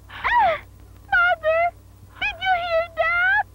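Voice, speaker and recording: An actress playing a vain, sassy niece in a broad film comedy, theatrical and full of exclamations. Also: female voice, very high-pitched, animated, normal speed, very noisy. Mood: outraged. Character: dramatic, sassy, vain young niece and schemer.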